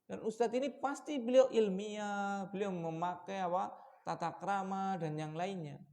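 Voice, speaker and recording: A man preaching at a mosque study session, asking his listeners questions and shifting between raised warnings and quiet asides. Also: unhurried. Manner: lively, shifts from loud warnings to low asides, asks the audience questions. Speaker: Islamic preacher.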